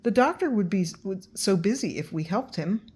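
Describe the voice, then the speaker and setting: A woman's voice: medium pitch, lively intonation, normal speed, darkish tone, breathy edge. A woman voicing a curious, bold and helpful girl out trick-or-treating in a children's storybook.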